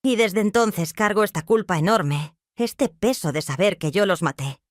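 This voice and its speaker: A woman's voice: medium pitch, moderate pace, no room sound, clean studio sound, lightly acted. A woman reading the lines of a grief-stricken widowed mother, confessing in a trembling, sobbing voice. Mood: despairing.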